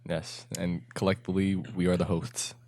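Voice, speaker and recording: A man's voice: deep voice, level tone, normal speed, a little mellow. A young man co-hosting a podcast in casual chat, talking loosely and swearing freely, with a slight lisp from his retainers. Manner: loose and profane, laughs easily. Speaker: podcast co-host.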